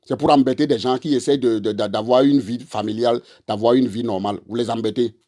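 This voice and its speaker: A man's voice: medium pitch, fairly even intonation, fast talker, mellow. A man, delivering a confrontational, repetitive monologue that scolds his listeners directly. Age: 40s. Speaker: online commentator; father and husband. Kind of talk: ranting monologue to camera.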